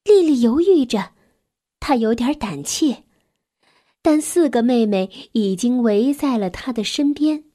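Gentle, slow woman reading a bedtime story. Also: a little high, animated. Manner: gentle, soft, sometimes drops to a whisper. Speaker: children's story host.

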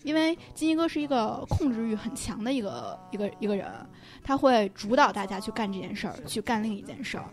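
Slightly high-voiced woman chatting. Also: big pitch swings, fast, soft background music. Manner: conversational, informal. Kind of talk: casual chat, recollecting.

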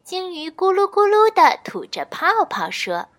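A woman reading a children's storybook aloud, expressive and measured. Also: very high voice. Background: faint children's music.

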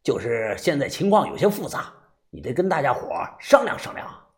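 A man voicing a steady middle-aged man in an audiobook, earnestly coaxing a friend to come clean. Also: medium pitch, fairly quick. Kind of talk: audiobook character voice.

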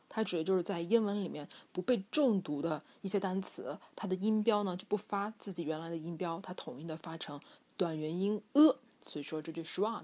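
Woman, fairly low voice, teaching pronunciation and drawing out each example word slowly. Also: darkish tone. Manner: slow, drawn-out demonstration of example words; explanatory, with frequent filler sounds. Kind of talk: bilingual pronunciation lesson.

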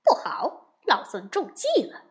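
A woman voicing a brash, hot-tempered male monkey king in a storybook tale, shouting loudly. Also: mid-range voice, big pitch swings, measured pace. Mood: alarmed.

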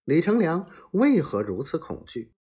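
A man reading a serialized historical novel aloud in a dramatic, measured storytelling manner. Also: on the high side, wildly swooping pitch, warm tone.

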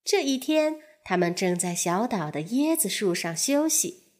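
Slow, expressive woman reading a children's story. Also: medium pitch.

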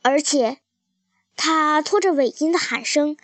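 A woman narrating a children's story in a calm, careful storybook reading. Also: sits high, unhurried, no echo.

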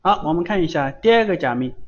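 A man's voice: on the high side, expressive, fast. A man teaching a beginner Japanese lesson, patiently repeating each word for students to copy. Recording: dull lo-fi recording.

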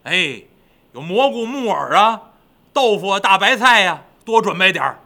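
A man voicing a greedy, chatty male pig monk who rambles and coaxes loudly in a storytelling performance. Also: high-pitched, animated, normal speed, full character voice. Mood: coaxing. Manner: rambling, coaxing, loud.

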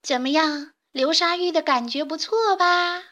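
A woman's voice: fairly high pitch, lively intonation, brisk, sharp tone. A woman playing a cheeky, taunting young rooster.

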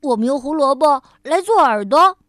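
A woman's voice: high voice, lively intonation, normal speed, a bit bright, no room sound, studio quality. A woman voicing a cheerful, eager young rabbit who talks insistently.

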